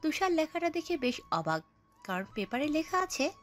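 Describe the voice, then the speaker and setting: A woman narrating a scripted audio story, telling it in an expressive storytelling manner. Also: high-pitched, moderate pace, soft background music.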